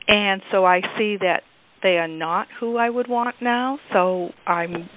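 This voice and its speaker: A woman's voice: mid-range voice, a little slow, no room sound. Woman agent sharing on a call, hesitant, fillers, tinny phone sound. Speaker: real estate agent.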